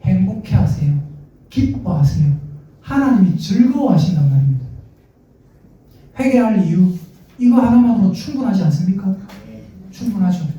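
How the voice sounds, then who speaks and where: A man, animated and playful. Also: sits high, normal speed, pauses often, muffled recording. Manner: animated, playful, quotes his child and God in acted voices. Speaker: pastor. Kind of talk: sermon. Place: large church sanctuary. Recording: echoey sanctuary, distant mic.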